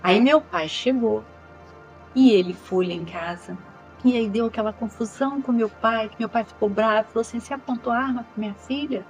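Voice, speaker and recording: Woman in her 60s with a higher voice. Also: moderate pace, darkish tone, faint music behind, rough recording. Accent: Brazilian Portuguese. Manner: earnest, repeats phrases for emphasis. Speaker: channel host. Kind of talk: personal life testimony.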